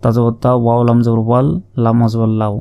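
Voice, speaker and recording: A man teaching Quran reading, spelling out letters and vowel marks one by one, then chanting each word in a long, drawn-out melody. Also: mid-range voice, monotone, mellow, smooth. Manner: slow measured spelling with drawn-out melodic recitation. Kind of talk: spelling out and reciting Arabic verses.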